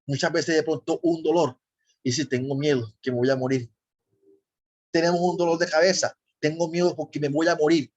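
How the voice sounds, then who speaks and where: A man preaching a sermon, often pausing to ask his listeners rhetorical questions. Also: on the high side. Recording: slightly dull lo-fi recording.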